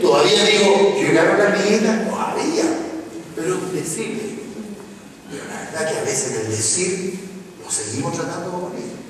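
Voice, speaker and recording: An older Chilean man speaking to a room of parents, animated and full of play-acted voices. His voice sits a little high and comes from far off in a big echoing hall with a long reverb and faint ambience. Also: slight background noise. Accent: Chilean Spanish. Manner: animated, acts out children's voices, tags lines with "¿ah?". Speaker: psychologist giving a talk to parents. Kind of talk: lively public lecture. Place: large school hall. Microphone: distant room mic.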